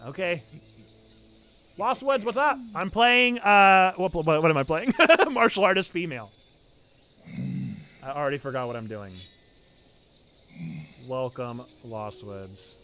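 A man's voice: fairly high pitch, sing-song, unhurried, long pauses, bright, forceful tone. A man in his thirties giving casual, playful live-stream commentary while gaming, on a close mic. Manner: playful, jokey. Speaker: game streamer.

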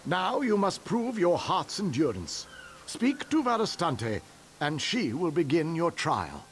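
Brief: an old cryptic riddler, measured and slow, faint noise behind. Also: male voice, a little high, wildly swooping pitch. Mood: approving. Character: old male riddle-giving elf officer.

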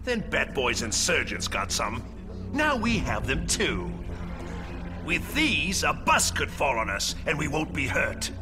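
A man's voice: a little high, wildly swooping pitch, unhurried. An actor playing a gleeful, theatrical madman villain in a video game, mocking and grandiose. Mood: grandiose, manic. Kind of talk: video game cutscene acting. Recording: loud music under the voice.

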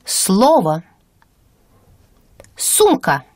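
A woman serving as the native-speaker model reader in a language lesson, pronouncing single words slowly with clear, deliberate enunciation. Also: mid-range voice, wildly swooping pitch, darkish tone, dry recording, clean studio sound. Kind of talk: slow careful word-by-word reading.

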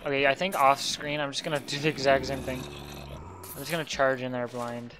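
A man's voice: medium pitch, level tone, a little fast, noisy background. A man giving casual gameplay commentary, exasperated, muttering to himself and sighing often. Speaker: let's play commentator.

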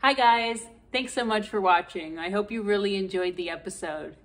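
A woman in her thirties chatting to camera indoors, expressive and full of fillers as she wraps up the episode. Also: medium pitch, moderate pace. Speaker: motorcycle travel vlogger. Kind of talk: casual travel vlog.

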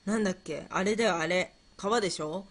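On a casual livestream, a woman host with a medium-pitched, fairly quick voice stumbles playfully through quiz questions while chatting with her viewers. She thinks out loud and repeats herself.

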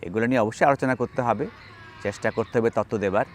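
A man's voice: mid-range voice, fast talker. A man from Bangladesh giving an explanatory video lecture on grammar, stressing key terms and walking through spoken examples. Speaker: linguistics lecturer.

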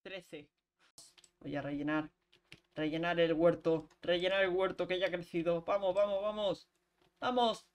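A woman's voice: lowish voice, fairly even intonation, darkish tone. Chatty streamer woman. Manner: chatty, talks to chat while playing, quick laughs. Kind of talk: casual gameplay chat.

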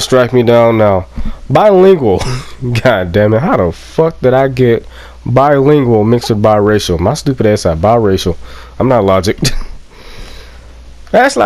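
A young man giving loud, profane, joking let's play commentary and laughing often. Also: medium pitch, dry recording. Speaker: gameplay commentator.

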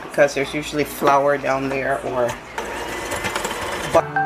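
This is a casual cooking demonstration shot overhead at a home kitchen counter, where a woman talks through her baking recipe step by step with chatty restarts. She speaks slowly in a rumbling low voice with a level tone. Loud hand mixer noise fills the recording.

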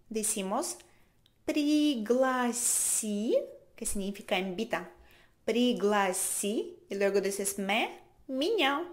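A woman teaching a language lesson, slowly repeating each phrase for learners to copy. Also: mid-range voice.

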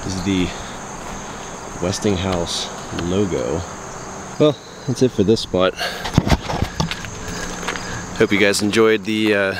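A young man with a slightly low voice rambles casually as he films himself exploring an overgrown lot. He's recorded outdoors on a handheld camera, with insects and traffic plainly audible behind him. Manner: loose, rambling with many "like" fillers. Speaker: vlogger exploring abandoned sites. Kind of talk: casual walk-and-talk narration. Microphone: handheld camera at arm's length. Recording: outdoor camera audio with clear insect noise. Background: insects and distant traffic outdoors.

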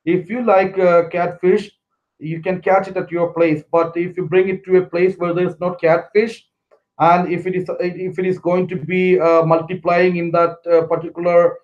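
A fairly high-pitched man speaks in a flat, even tone, pausing often with "uh" and restarting his sentences. He is a middle-aged vlogger from India, giving casual fishing advice from a small living room. The camera mic gives a slightly dull, lo-fi sound. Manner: halting, many fillers and restarts, gestures with hands. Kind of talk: casual how-to talk to camera.

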